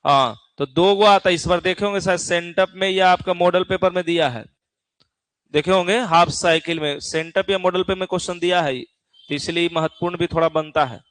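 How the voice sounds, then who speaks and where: A man's voice: high voice, steady tone, brisk, a bit bright, no room sound. A male physics teacher, lecturing a class in a chatty way, teasing students and often checking that they follow. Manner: keeps asking the class "theek hai na?".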